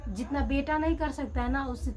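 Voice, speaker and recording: A woman's voice: high voice, a little fast, darkish tone. A woman vlogger, talking earnestly and heartfelt to her viewers. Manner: earnest, heartfelt, repetitive coaxing. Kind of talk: casual talk to camera.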